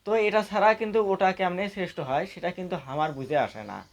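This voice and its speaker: A man's voice: high-pitched, expressive, quick pace. A man from Bangladesh, giving a folksy, blunt debate speech. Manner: folksy and blunt, arguing for dialect.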